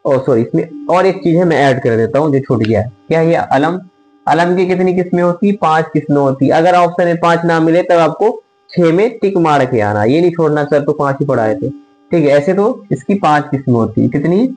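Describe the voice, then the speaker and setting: A man teaching an online grammar lesson, asking questions and answering them himself, repeating the items slowly as he writes them out. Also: a little high, a little mellow, rough recording. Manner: drills by asking and answering his own questions.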